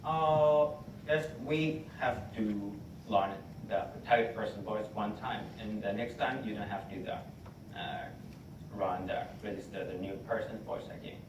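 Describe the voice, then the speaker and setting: A man's voice: lowish voice, a little slow. A male student contestant answering judges with hesitant, broken phrasing. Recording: echoey room, distant, noisy.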